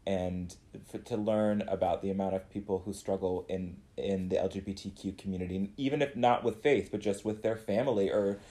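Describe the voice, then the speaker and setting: A man's voice: deep voice, steady tone, a little fast, hardly any pauses, dark tone. A man co-hosting a podcast, talking earnestly and reflectively in casual chat, often searching for words. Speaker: podcast co-host.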